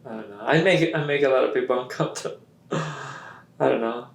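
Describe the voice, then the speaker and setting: A man's voice: mid-range voice, brisk, gravelly. A man talking as a guest on a casual podcast, emphatic and repeating key words, often laughing. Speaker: podcast guest, business owner. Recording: roomy echoey room.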